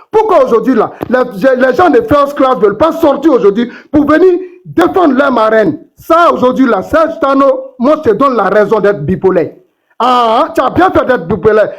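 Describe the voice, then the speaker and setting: A man on a TikTok live panel giving emphatic, repetitive commentary full of fillers. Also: extremely high pitch.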